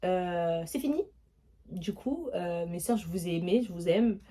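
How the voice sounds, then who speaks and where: A young woman vlogger telling a story in a casual, animated way, full of slang and repeated filler tags. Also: on the low side, moderate pace, slightly rough.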